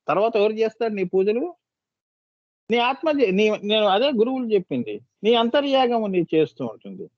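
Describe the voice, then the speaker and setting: A man teaches a devotional discourse in a high voice, turning often to his listeners with coaxing, scolding questions. The sound is close and dry, slightly dull and lo-fi. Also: no echo. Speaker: spiritual teacher.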